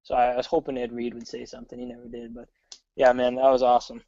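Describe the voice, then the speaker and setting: A man chatting casually as a guest, an excitable fan who rambles and restarts often, heard over a dull remote call. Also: mid-range voice, quick pace, dry recording. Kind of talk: casual sports chat.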